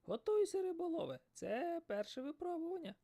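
Storybook: chattering lady seagull guide, voiced by a man, very high and animated. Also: moderate pace, exaggerated voice. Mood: urgent. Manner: bossy, urgent.

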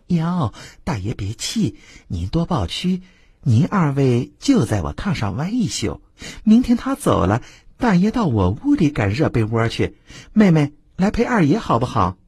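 Sly young courtesan in a high coaxing voice, as a male narrator puts her on, husky. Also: wildly swooping pitch, measured pace, a little mellow, no echo, clean studio sound, heavily acted.

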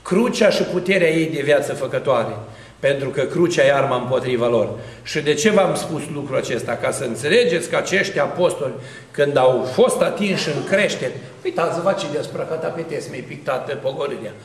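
Orthodox priest, male, rather high voice, preaching with emphatic, rhythmic repetition that climbs phrase by phrase. His sermon rings through a roomy hall with a long reverb tail. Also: expressive, a little hiss or hum. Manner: emphatic, builds repeated phrases into rising cadences.

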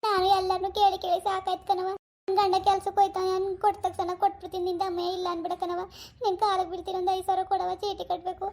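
A woman's voice: high voice, flat delivery, fast talker, dark tone, lightly acted. A woman voicing a young married village daughter in a cartoon, nervous and pleading. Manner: nervous, pleading, tearful begging. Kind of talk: cartoon voice acting.

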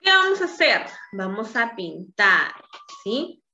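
A woman teaching young children in a slow, patient lesson. She coaxes them along, checking in after nearly every phrase. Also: a little high, very animated, bright, forceful tone. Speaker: preschool teacher. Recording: dull lo-fi recording with faint music.

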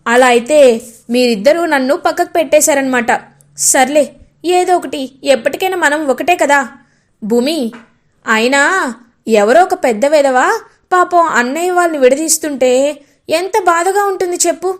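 A woman voicing an excitable, chatty young man who jokes and pries into his friend's love life. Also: sits high, normal speed, pauses often, natural voice.

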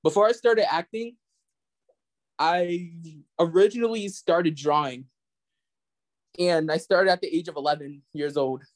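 A man's voice: a little high, measured pace, long pauses, low-quality recording. Hesitant young man presenting on a call. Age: 20s. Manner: hesitant, apologetic. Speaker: student artist presenter. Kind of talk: casual presentation. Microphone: video call.

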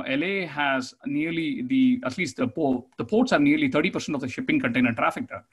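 A man giving a webinar slide presentation over a video call, explaining steadily with many fillers and restarts. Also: on the high side. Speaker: conference presenter.

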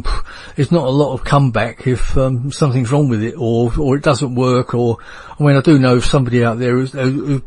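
A man's voice: mid-range voice, a little mellow. A man with a London accent hosting a radio show, chatting casually and rambling with fillers. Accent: London English. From England.

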